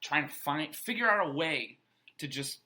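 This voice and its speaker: A young man co-hosting a podcast, telling a story in an animated way among friends. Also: on the high side, moderate pace, a little hiss or hum. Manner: animated storyteller, acts out quotes, swears casually. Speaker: podcast co-host. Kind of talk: casual chat, storytelling.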